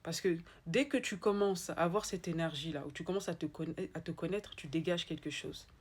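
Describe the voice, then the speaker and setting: A woman's voice: on the low side, a little fast. A woman with an Ivorian French accent giving a motivational monologue, emphatic and repeating her points straight to the listener. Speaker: motivational speaker.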